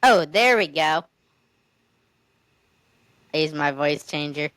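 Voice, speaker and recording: A man's voice: on the high side, lively intonation, slow, fairly bright tone, smooth, no echo. A man goofing around on a podcast, his voice run through a voice changer. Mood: goofy. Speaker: podcast co-host. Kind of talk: casual podcast chat.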